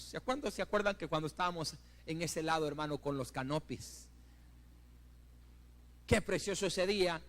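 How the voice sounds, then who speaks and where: A middle-aged man preaching a sermon in a church, telling a personal story with fervor, swinging between loud peaks and hushed asides and calling the congregation brothers. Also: high-pitched. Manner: keeps addressing the congregation as brothers. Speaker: pastor. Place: church building.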